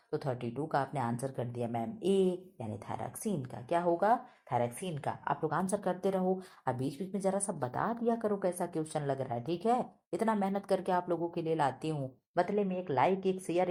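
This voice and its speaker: She is a woman teacher with a low, heavy voice. She talks loudly and emphatically, like someone used to projecting across a classroom. She keeps repeating her quiz questions back to the students, half scolding and half friendly. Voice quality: deep, heavy voice. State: sore throat. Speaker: exam-prep teacher. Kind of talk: online quiz lesson.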